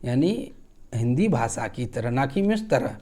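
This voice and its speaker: A man teaching a live online exam-prep class, who explains slowly, asks his own questions and answers them, and says sounds aloud as examples. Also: mid-range voice, big pitch swings, warm tone.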